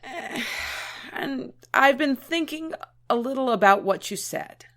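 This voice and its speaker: A prim, disapproving female alien who looks down on humans, voiced by a woman in an audio drama. She speaks slowly and deliberately, in a slightly high voice. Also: expressive, fairly bright tone. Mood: hesitant. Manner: disdainful, prudish, slow deliberate delivery.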